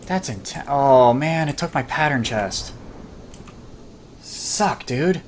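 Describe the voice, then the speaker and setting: A casual gamer narrating his own gameplay, chatty and self-deprecating, with excited outbursts. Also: medium pitch, unhurried, slight background noise. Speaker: gameplay commentator. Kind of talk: casual let's-play commentary.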